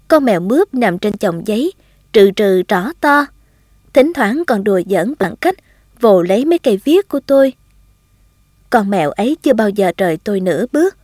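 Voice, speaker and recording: A woman narrating a first-person story in a calm, expressive reading. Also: fairly high pitch, no echo, clean studio sound.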